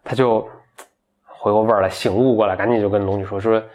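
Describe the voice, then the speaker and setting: A man's voice: on the low side, fairly even intonation, fairly quick, a little mellow. A man casually retelling a folk tale to a friend, lightly voicing the characters and laughing along. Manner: chatty, voices the characters lightly, laughs at the story. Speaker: storyteller.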